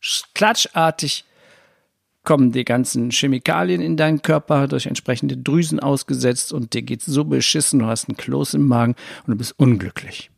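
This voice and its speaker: A man's voice: medium pitch, normal speed, gravelly, no room sound, studio quality. A man hosting a spiritual self-help podcast, talking in a rambling, self-correcting conversational way. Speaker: podcast host.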